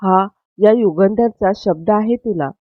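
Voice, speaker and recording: A woman's voice: medium pitch, measured pace, no echo, lightly acted. A woman reading as a stern male patriarch. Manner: stern, then soothing. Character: commanding protective male family patriarch. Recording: dry, slightly dull lo-fi.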